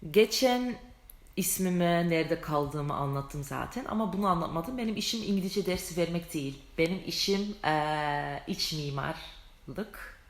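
A woman's voice: fairly low pitch, animated, a little slow. A woman giving a casual vlog lesson on English pronunciation, chatty and self-deprecating, acting out sounds with exaggerated mouth shapes. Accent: non-native Turkish, foreign-tinged. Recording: echoey room.

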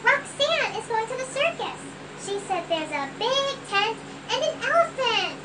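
A performer voicing a bossy, pampered little girl who whines and insists, with the audio sped up and pitched high. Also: sing-song, unhurried, distant mic, background noise, heavily acted. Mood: eager. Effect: sped-up, pitch-raised playback.

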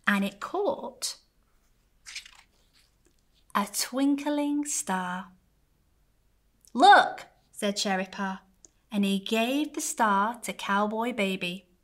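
A woman, a church families coordinator, gently and expressively reading a children's story aloud. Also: on the high side, slow, long pauses.

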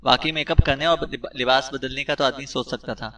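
A man's voice: mid-range voice, steady tone, fairly bright tone, recorded from a distance, lightly acted. A man voicing a loyal male assistant at headquarters who talks in an agreeable, slightly worried way. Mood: agreeing.

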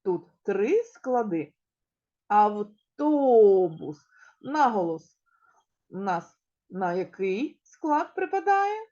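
A woman with a Ukrainian accent talks to a class of small children at a very slow, careful pace. Her pitch swings widely as she stretches out single words and asks the children questions. The recording sounds dull and lo-fi. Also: big pitch swings, a little mellow. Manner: slow, clearly articulated, stretches key words; addresses children directly and asks them questions. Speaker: kindergarten teacher. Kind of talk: recorded preschool literacy lesson.

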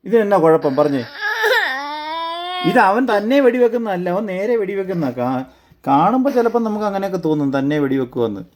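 A man's voice: high-pitched, expressive, quick pace, a crowd in the background. A father in a casual family video, coaxing and half-laughing, sometimes exasperated, as he talks to his child.

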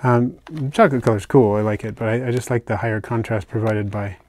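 Relaxed, chatty older man, dry close sound. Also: on the low side, a little fast, no echo. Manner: relaxed, chatty, with fillers and soft asides. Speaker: isopod keeper unboxing purchases. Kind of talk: casual hobby vlog narration. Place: indoors at a table, hands on camera.

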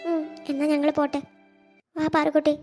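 A woman voicing a kind elderly grandmother in an animated cartoon, talking softly and soothingly. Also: high voice, fairly quick, soft background music, close to an everyday voice.

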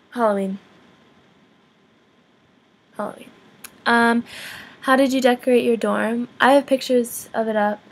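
Young woman, vlogger, fairly high with vocal fry, rambling and self-deprecating, casual Q&A. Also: a little mellow, slight background noise, low-quality recording. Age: young adult. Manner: self-deprecating, rambling with many ums and apologies. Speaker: vlogger answering viewer questions. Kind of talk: casual Q&A vlog.

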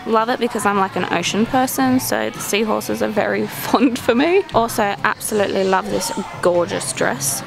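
This shopping vlog features a young adult woman with an Australian accent, talking at a normal speed with hardly any pauses in a medium-pitched voice with vocal fry. She's gushing and enthusiastic as she wanders a busy department store, filmed on a handheld camera at arm's length. Music plays in the background, and the recording quality is rough.

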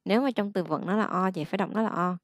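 A woman's voice: medium pitch, fast, no echo, clean studio sound. A woman teaching pronunciation one-on-one, patiently modelling each sound and explaining lip and tongue position.

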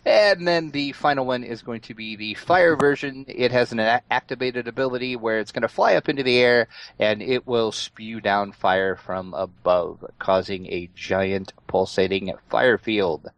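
A man co-hosting a casual gaming podcast, calmly explaining new features step by step. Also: medium pitch, moderate pace, no echo, rough recording. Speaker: podcast co-host.

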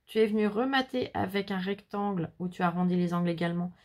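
A woman's voice: medium pitch, fast, darkish tone. A woman showing off handmade bookmarks in a casual vlog, admiring each one in detail. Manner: gushing, admiring, describes crafts in detail. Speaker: scrapbooking vlogger. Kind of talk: casual unboxing chat.

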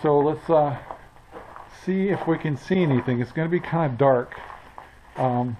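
Outdoors near his barn, a sixty-something homestead vlogger rambles to the camera, restarting often and using many fillers. Recorded on an arm's-length action camera, his somewhat high, dark-toned voice comes at a measured pace, with slight background noise and low quality.

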